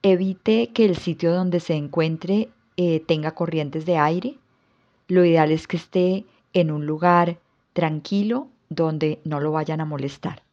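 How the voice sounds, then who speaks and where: Woman leading a yoga nidra relaxation, low mellow voice, slightly dull sound. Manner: slow, soft, calm guiding instructions. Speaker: yoga instructor.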